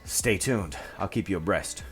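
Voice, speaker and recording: A man hosting a casual solo news vlog, chatty and excitable, with plenty of fillers and quick asides. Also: sits low, loud music behind the voice. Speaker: crypto news host.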